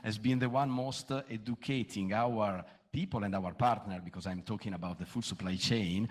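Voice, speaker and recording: Man, conference panelist, lowish voice, hesitant unscripted answers, non-native english. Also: normal speed. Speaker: conference panelist, company manager.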